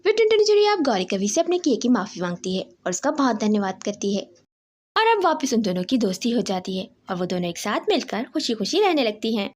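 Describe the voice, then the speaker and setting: A woman narrating a children's cartoon moral story in an expressive, sing-song manner. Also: fairly high pitch, a little fast.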